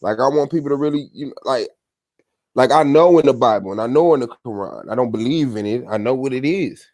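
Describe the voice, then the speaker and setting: Mid-pitched man, blunt swearing panel host, dry close mic. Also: fairly quick, no room sound. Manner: blunt, animated, swears freely. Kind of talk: casual group chat. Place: online voice chat.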